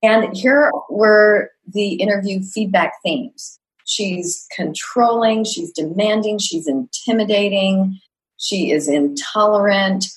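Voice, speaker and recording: Reflective woman coach, measured talk. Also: mid-range voice, low-quality recording. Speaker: executive coach. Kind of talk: podcast interview answers.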